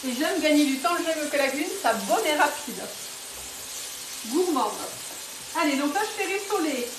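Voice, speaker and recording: A woman's voice: sits high, background noise. A woman from southwest France with a southwestern French accent, talking her way through a live cooking demo in a home kitchen, chatty and enthusiastic, with many fillers and restarts. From southwest France, near Toulouse. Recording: roomy, a bit distant from the mic.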